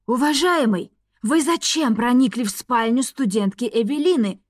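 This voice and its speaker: A grumpy dragon rector, played by a woman reader, slow and gruff with commanding orders. The storybook reading sits close and dry. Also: a little high, no echo, close to an everyday voice. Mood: stern commanding.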